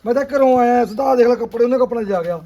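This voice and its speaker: A man playing an angry Punjabi villager, loud and blustering, repeating his commands urgently in a heated village skit. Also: very high-pitched, rapid-fire. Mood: furious. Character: angry, agitated Punjabi villager confronting young drug users.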